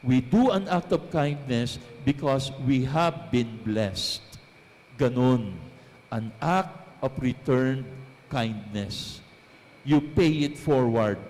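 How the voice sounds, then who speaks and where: A man's voice: mid-range voice, animated, very slow, a little mellow, a little hiss or hum. A priest giving a homily at Mass. He tells a story, mixes in English phrases and puts questions to the congregation. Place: church. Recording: long church reverb.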